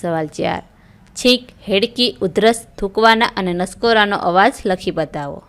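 A woman teacher reading a school lesson aloud, stating each question and then its answer clearly. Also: medium pitch, unhurried, fairly bright tone.

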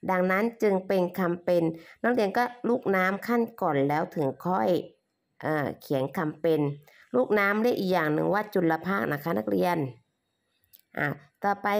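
Patient woman teacher talking to children. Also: mid-range voice. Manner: patient, coaxing, asks pupils questions. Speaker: primary school teacher. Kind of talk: classroom lesson to children.

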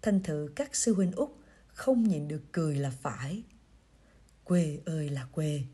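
A woman reading a priest's pastoral reflection aloud in a gentle, measured storytelling way. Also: deep voice. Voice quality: very breathy, husky voice. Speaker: reader of a priest's pastoral letter.

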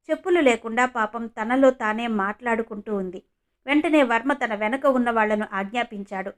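A woman reading a scripted story as narrator, in an even storytelling manner. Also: fairly high pitch.

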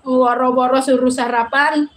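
High-voiced woman live streaming. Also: steady tone, moderate pace, slight background noise. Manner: chatty, reads viewer names aloud, laughs often. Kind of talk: casual live-stream chat greeting viewers.

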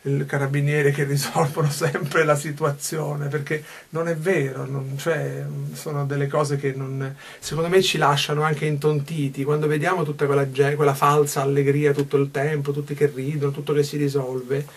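A man in his fifties, a stage actor, talks about his work in a small dressing room. His voice is gravelly and sits a little high for a man. He thinks aloud and circles back to rephrase his points. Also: level tone, normal speed, hardly any pauses. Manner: reflective, gestures a lot, restarts mid-phrase. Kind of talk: backstage interview.

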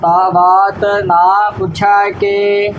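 A man chanting scripture in a very slow, drawn-out, even recitation. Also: high voice, lo-fi sound, slight background noise, voice pushed up.

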